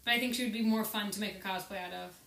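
A woman chatting casually and eagerly, quick to jump in with her opinions. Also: medium pitch, fairly even intonation, a bit bright. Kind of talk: casual chat. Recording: echoey, from a distance.

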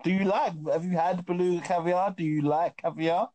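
Man, joking co-host, dry sound, a bit high. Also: fairly even intonation, normal speed, dark tone, dry recording. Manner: teasing, joking. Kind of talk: casual chat.

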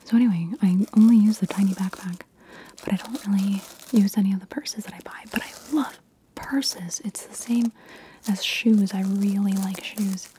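A woman whispering breathy ASMR with tingly mouth sounds, rambling casually and playfully repeating words and short phrases. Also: medium pitch, steady tone, normal speed, mellow, slight background noise. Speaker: ASMR video creator.

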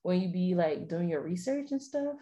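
A young woman with a slightly low voice hosts a relaxed podcast chat. She is informal and talkative, tossing out questions and reacting with animated surprise. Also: normal speed, dull audio. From Haitian. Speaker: podcast host. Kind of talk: casual chat.

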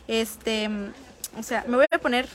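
A young Mexican woman with a notably high voice talks in a bubbly, gushing way as she does her makeup live. She chats warmly and quickly with fans, reading their comments and thanking them over and over. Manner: bubbly, effusive, chatty with fans. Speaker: makeup streamer. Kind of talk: casual live-stream chat. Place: small table in a corner of a public venue.

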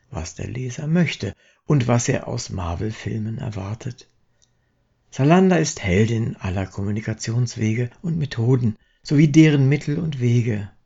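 A man's voice: medium pitch, gravelly, warm tone, breathy edge, dull audio. A man giving a spoken book review with wry commentary. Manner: wry, wordplay-loving commentary.

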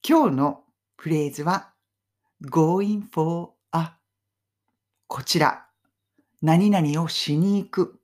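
A woman hosting a casual English lesson in Japanese, modeling English phrases slowly and clearly for listeners to repeat. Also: sits low, darkish tone. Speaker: English teacher podcast host.

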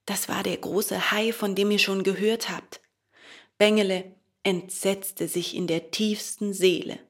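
A woman reading a children's fairy tale aloud in a slow, expressive storytelling manner. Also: medium pitch.

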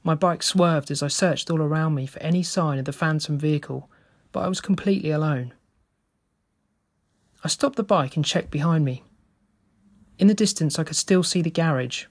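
A man narrating a first-person story in a steady, measured reading. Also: fairly high pitch.

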